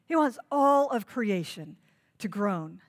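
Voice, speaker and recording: A woman pastor delivers a sermon in an animated, medium-pitched voice, taking her time. She's emphatic, repeating key phrases so listeners can note them down, and asks her audience direct questions.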